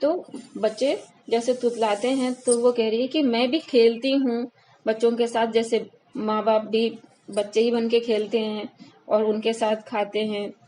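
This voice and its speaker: A woman teacher reading a poem aloud slowly and explaining it line by line for students. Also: a little high, fairly even intonation, dark tone, a little hiss or hum, poor audio. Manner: reads verses slowly, then explains line by line. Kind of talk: Hindi poetry lesson, reading and explaining.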